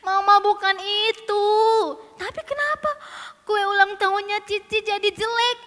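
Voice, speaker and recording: A woman voicing a bossy older sister girl who scolds and tattles in a shrill voice. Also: a little slow, bright, forceful tone, big-room sound, exaggerated voice. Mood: wailing.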